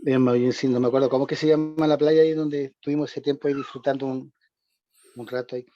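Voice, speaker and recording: A man's voice: mid-range voice, steady tone, fast talker, no echo. Hesitant Chilean man on a dull call line. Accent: Chilean Spanish. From southern Chile. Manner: rambling, hesitant, with many restarts and soft laughs. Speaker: church member greeting the class. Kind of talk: casual introduction over video call. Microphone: video call. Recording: dull, dry video call audio.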